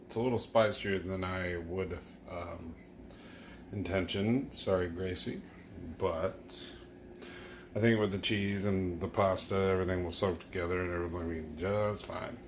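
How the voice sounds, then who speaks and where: A man's voice: low voice, steady tone, normal speed, a little hiss or hum. A tipsy man hosting a casual home cooking video, loose and chuckling as he talks viewers through the dish. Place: home kitchen.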